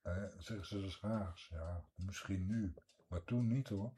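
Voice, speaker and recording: Deep-voiced older man chatting on radio. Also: measured pace, mellow, slight background noise. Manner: rambling, opinionated, down-to-earth. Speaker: radio host. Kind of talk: casual radio chat. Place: radio studio.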